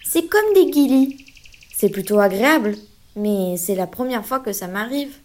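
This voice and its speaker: Lady reading a kids' story doing a grabby boy raccoon, curt, kinda high. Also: animated, normal speed, a little mellow, lightly acted. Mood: gentle. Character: selfish male raccoon, possessive, later softening.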